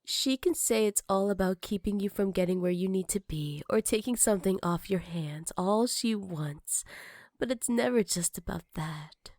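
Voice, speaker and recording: A woman acts a possessive female villain in an ASMR roleplay, teasing and flirting in a breathy, mid-pitched voice that often sinks toward a whisper, jealousy under every line. The close-mic recording is intimate and very dry, her tone darkish but close to an everyday voice, at normal speed.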